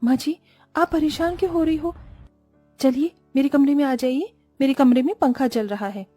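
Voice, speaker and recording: A woman voicing a meek, kind young daughter-in-law in a cartoon, speaking gently and softly. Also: high-pitched, moderate pace, dry recording, faint music behind, voice pushed up, lightly acted. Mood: gentle.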